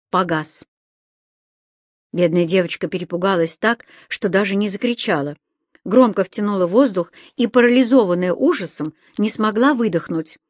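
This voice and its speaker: Soft-spoken woman narrating a story. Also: medium pitch, no room sound, clean studio sound. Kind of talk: scripted audiobook narration.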